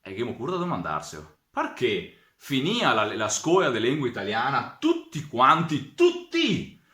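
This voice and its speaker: A man with a Venetian accent who gives an informal diction lesson in an animated, exclaiming way and slips in dialect words. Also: mid-range voice, normal speed. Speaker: diction teacher. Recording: roomy echo.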